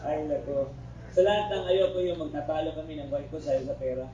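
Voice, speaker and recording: A middle-aged man from the Philippines leads a criminology review class, moving between terms and jokey asides. His voice sits a little high and carries through a reverberant classroom. It is picked up from a distance with a faint hiss underneath. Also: steady tone, a little fast, muffled recording. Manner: joking asides, keeps checking in with the class. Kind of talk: classroom lecture. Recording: echoey room recorded from far off, faint background noise.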